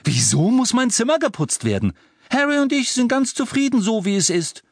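A man voicing an angry teenage boy wizard who shouts indignantly in an audiobook. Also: on the high side, very animated, normal speed, vocal fry, breathy edge, dry recording, studio quality, voice pushed up, heavily acted.

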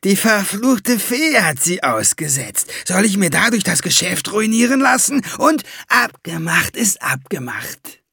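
A greedy, hard-of-hearing ferryman, voiced by a man reading an audiobook, whining high and slow. The gravelly voice stretches out every complaint. It sits dry and close. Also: big pitch swings, sharp tone, dry recording, full character voice. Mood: indignant.

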